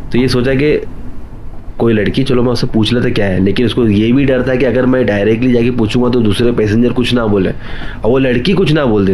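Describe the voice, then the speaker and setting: A man's voice: medium pitch, darkish tone, slight background noise. Man telling a horror story casually. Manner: conversational, repetitive, loosely told. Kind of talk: casual spoken horror narration.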